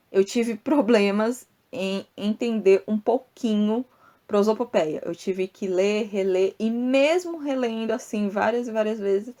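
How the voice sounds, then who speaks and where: A woman's voice: a little high, dark tone. A woman host teaching a podcast lesson on poetry. She explains step by step, drawing out sounds and syllables and turning to listeners with little asides. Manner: explanatory, addresses listeners directly with asides like "tá, gente?"; spells out rhymes and syllables slowly.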